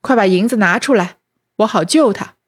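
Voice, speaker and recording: A blunt, demanding male monk from a classic tale, put on by a woman reading the story aloud. His short orders come out husky and breathy. Plain storybook reading with only a light change of voice. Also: medium pitch, normal speed, natural voice. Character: pushy male Buddhist monk demanding silver.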